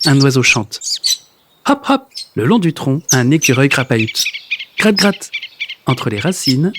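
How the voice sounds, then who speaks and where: A man reading a children's story aloud in a gentle, expressive way. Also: medium pitch. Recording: hissy recording.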